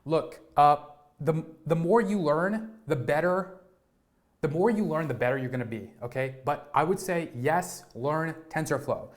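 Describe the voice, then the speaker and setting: A man in his twenties giving an energetic live-streamed tech lesson, often repeating words and checking in with "right?" and "okay?". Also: a little high, unhurried. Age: 20s.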